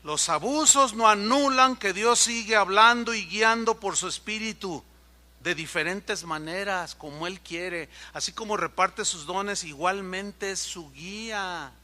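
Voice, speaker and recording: Man, pastor, sermon, high voice, very bright and forceful. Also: measured pace. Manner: animated storytelling, acting out quoted voices.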